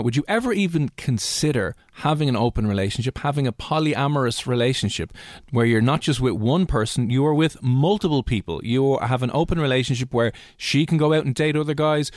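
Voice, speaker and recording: An Irish man presents on the radio in an informal, chatty style, talking listeners through competitions and prizes. His pitch sits in the middle for a man, and the sound is close and dry. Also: dry recording. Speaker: radio host.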